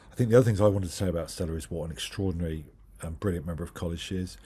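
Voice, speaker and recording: Deep husky guy hosting a talk, short of breath, kinda hesitant doing the intros. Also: very fast, mellow. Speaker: host introducing speakers. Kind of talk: spoken introduction at an online talk.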